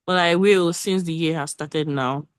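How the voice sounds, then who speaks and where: A woman leading a working group meeting over a video call, giving a quick, run-on update full of restarts. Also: sits low, no echo, studio quality.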